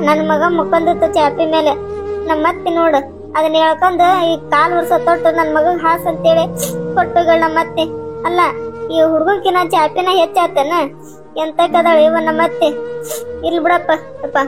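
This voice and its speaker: A woman playing a patient young daughter-in-law who pleads politely in a North Karnataka accent. Her voice is very high. Faint music plays under this cartoon scene. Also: flat delivery, moderate pace, pauses often. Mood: pleading. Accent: North Karnataka Kannada.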